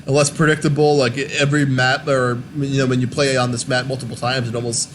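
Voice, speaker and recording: A young man talks casually about video games at an average pitch, rambling along with lots of fillers and false starts. A steady noise sits clearly behind his voice on a home recording. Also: fairly quick. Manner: rambling, many fillers and restarts. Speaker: podcast host. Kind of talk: casual gaming chat.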